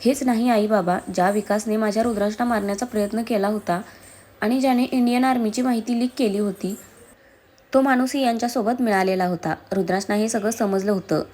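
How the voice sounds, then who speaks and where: A woman's voice: mid-range voice, fairly quick, mellow, lightly acted. A woman reading the lines of a fierce, grieving young woman who hurls accusations in a storybook reading. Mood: furious. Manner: heated, accusing.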